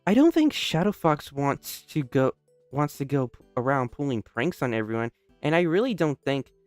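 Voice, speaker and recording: A man voicing a kind, cheerful female rag doll student in a squeaky high voice, playing through a story game. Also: sing-song, normal speed, dry recording, faint music behind. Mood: defensive.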